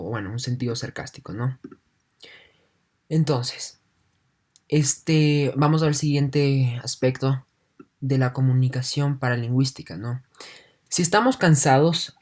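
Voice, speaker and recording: A man's voice: medium pitch, darkish tone. A male teacher giving an online class. He reads a passage aloud, then restates it in simple terms, often checking in with his listeners. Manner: leans heavily on "entonces" and checks in with "¿no?".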